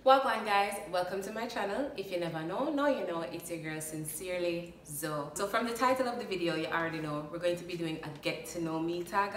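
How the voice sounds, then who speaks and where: Her voice is fairly low yet a bit bright, a little fast with few pauses, as a young Jamaican vlogger does a get-to-know-me video, playful, laughing a lot and drifting into patois. A phone camera at a short distance in a small room catches her, giving a reverberant, far-off sound with slight background noise.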